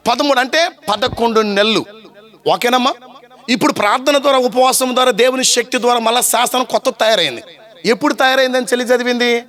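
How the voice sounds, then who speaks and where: A man preaching a sermon, telling a story with acted-out voices and asking the congregation questions. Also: very high voice. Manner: animated storytelling, asks the crowd questions; acts out voices of story characters. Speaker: pastor.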